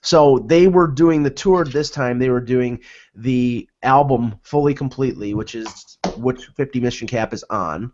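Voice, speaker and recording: A man with a mid-pitched voice chats casually as a sports show co-host. He tells stories haltingly, doubling back on words, and the recording is slightly dull. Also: darkish tone. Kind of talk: casual chat, anecdotal storytelling. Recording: dull lo-fi audio.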